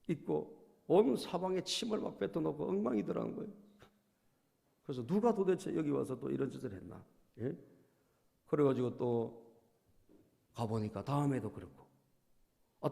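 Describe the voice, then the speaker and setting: Male pastor preaching, dark gravelly voice, soft asides then loud bursts, long church reverb. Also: medium pitch. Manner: preaching with frequent "예?" prompts to the congregation. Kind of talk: sermon. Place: church sanctuary.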